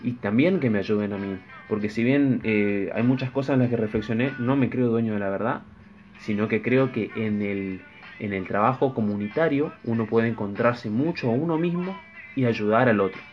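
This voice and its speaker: A man's voice: on the low side, moderate pace. A man talking reflectively in a casual podcast chat. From Argentina. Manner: reflective, thoughtful. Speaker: podcast guest. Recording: dull lo-fi audio with faint music.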